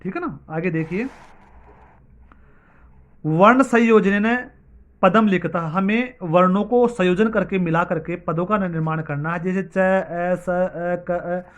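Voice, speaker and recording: Male teacher, high voice, unhurried, patient drilling for young pupils. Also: highs cut off. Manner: slow, patient word-by-word drilling. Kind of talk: online classroom lesson.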